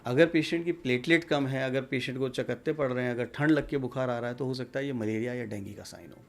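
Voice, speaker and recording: Male doctor guest, gravelly voice, measured explainer. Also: mid-range voice. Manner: measured, explanatory, mixes English terms. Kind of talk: medical interview answers.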